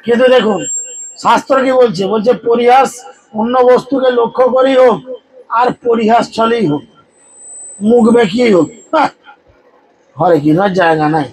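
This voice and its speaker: A man preaching a devotional sermon to a gathering, exhorting and joking with his listeners and leading them in loud chants. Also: very high voice, moderate pace, pauses often, husky, low-quality recording. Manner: exhorting, humorous, leads crowd in loud chants.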